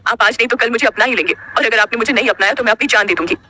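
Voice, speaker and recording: A man's voice: very high-pitched, racing, bright, forceful tone, pitched above the performer's own voice, heavily acted. A man putting on a tearful, lovesick young woman. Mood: defiant. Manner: pleading, tearful, then defiant.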